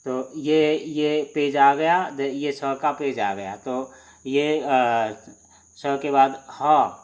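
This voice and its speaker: A man teaching the alphabet slowly, pausing often with fillers as he writes. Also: medium pitch, fairly even intonation. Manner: slow, halting, many pauses and fillers. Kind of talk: handwritten alphabet lesson.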